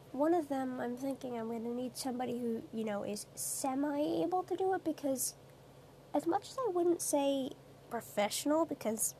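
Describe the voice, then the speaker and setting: High-voiced young woman rambling late at night. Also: mellow, a little hiss or hum. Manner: rambling, hesitant, many fillers. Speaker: streamer.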